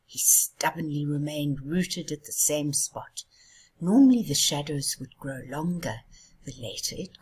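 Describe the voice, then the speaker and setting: A woman reading a children's story aloud in a soft, hushed, half-whispered way. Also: low voice, slightly rough. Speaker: storybook reader.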